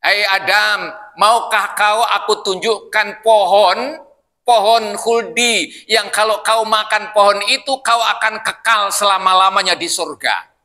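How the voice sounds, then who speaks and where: A man voicing a sly tempting male devil in a sermon, slow and coaxing. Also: high-pitched, pushed and bright, big-room sound, pitched above the performer's own voice.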